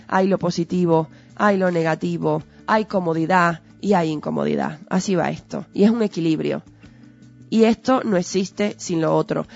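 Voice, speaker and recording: A woman's voice: mid-range voice, vocal fry, darkish tone. A woman, talking through ideas as a guest in an earnest, teacherly way with lots of rhetorical questions. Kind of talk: conversational explanatory talk. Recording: dull lo-fi audio with faint music.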